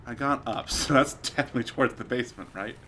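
A man playing a game on stream, cracking crude jokes in casual commentary and sometimes bursting into shouts. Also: mid-range voice, fast talker, slight background noise. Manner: crude joking, sudden shouted outbursts. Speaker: let's play streamer.

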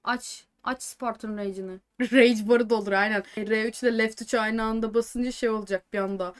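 This excitable woman streamer, her voice a little on the high side, reacts live to a game she's watching and trades jokes with her chat at a moderate pace. She mixes English words into her chatter and swings between joking and anxious outbursts.

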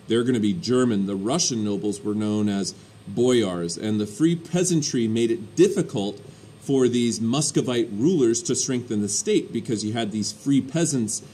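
A male history teacher giving a recorded lecture in a conversational way, often pausing with ums and uhs. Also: lowish voice, a little mellow, slight background noise.

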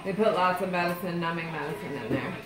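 A woman's voice: fairly low pitch, fast. A woman chatting casually, asking short questions and giving simple reassurance. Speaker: companion of a dental patient. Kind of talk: casual chat. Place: small dental treatment room, indoors. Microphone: handheld phone. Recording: echoey room, music behind.

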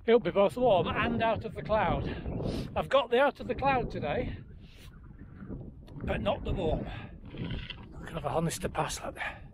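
Middle-aged male running vlogger, high-pitched voice, chatting while jogging outdoors, loud wind noise throughout. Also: lively intonation, unhurried, pauses often. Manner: talking while jogging over rough mountain paths. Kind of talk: casual running commentary to camera. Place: outdoors on a windy open mountainside. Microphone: handheld camera at arm's length.

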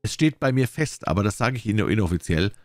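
A thoughtful detective speaking in a measured, dry way, as a man reads him in a story. The voice sits low and shifts freely in pitch. It sounds close and dry. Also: expressive, no echo, faint music behind, natural voice. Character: calm, thoughtful Scotland Yard detective, male. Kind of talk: audiobook character voice.

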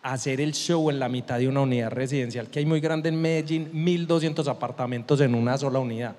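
A man's voice: mid-range voice, quick pace, a little mellow, big-room sound. A man recounting events in casual chat, in a plain, matter-of-fact way. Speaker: show director.

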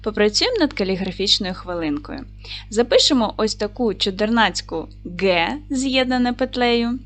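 Lively teacher woman with faint music behind. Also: medium pitch, normal speed. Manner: lively, clear classroom delivery, stretching out words to spell them. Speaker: primary school teacher. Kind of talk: video lesson for children.

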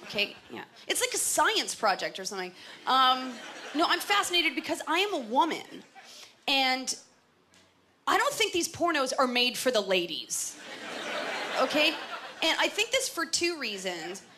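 A woman's voice: high-pitched, very animated, measured pace, slight background noise. A young woman doing a stand-up comedy set, chatty and self-mocking, acting out bits in put-on voices. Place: comedy club stage. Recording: live club with loud crowd laughter. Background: audience laughing.

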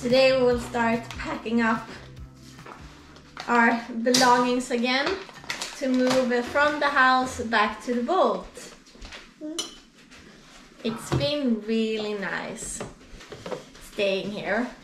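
A woman's voice: fairly high pitch, takes it slowly, pauses often, music in the background. A woman in her thirties from Sweden, talking casually and unhurriedly at a kitchen table in a family sailing vlog. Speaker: sailing vlogger. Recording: echoey kitchen with clinking dishes.

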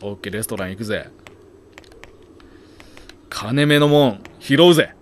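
A man doing let's play commentary, chatting jokingly to himself and bursting into loud startled yells. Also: fairly low pitch, moderate pace. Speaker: game commentator. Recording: loud game sound behind the voice.

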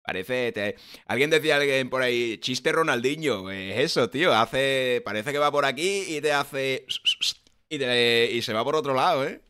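A man's voice: mid-range voice, normal speed, pushed and bright, clean tone. A young man with a Spanish accent from Spain, chatting bluntly and with exasperation while reacting live to a comedy show. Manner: blunt, exasperated rambling with restarts. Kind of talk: casual live-stream commentary.

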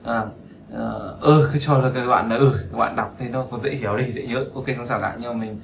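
A man's voice: mid-range voice, steady tone, creaky, slight background noise. Chatty male English teacher, echoey room. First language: Vietnamese. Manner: chatty and teasing, repeats words slowly to drill them. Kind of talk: casual spoken lesson.

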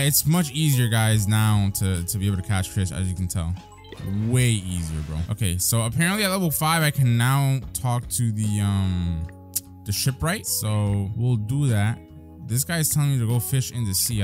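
A young man chatting his way through a game, his pitch jumping around as he talks and laughs. Light music sits faintly behind his voice. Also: animated, normal speed, a little mellow. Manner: chatty, laughs often, says bro. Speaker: gaming creator. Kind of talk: casual gameplay commentary.

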